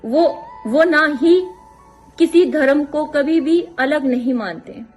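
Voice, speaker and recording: A woman's voice: high-pitched, slow pace, soft background music. A woman from Himachal Pradesh, a vlogger giving an impassioned, scolding monologue and repeating words for emphasis. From Himachal Pradesh, India.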